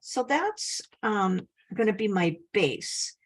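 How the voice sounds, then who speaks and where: A woman's voice: mid-range voice, very animated, takes it slowly, slightly rough. A woman giving a casual, chatty scrapbooking tutorial, upbeat and full of little laughs. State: slight cough. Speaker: scrapbooking instructor.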